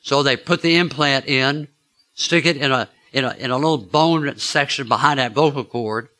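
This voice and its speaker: A man's voice: mid-range voice, moderate pace, sharp tone. A man preaching, telling a personal story in a chatty way and asking his listeners questions. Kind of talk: storytelling sermon.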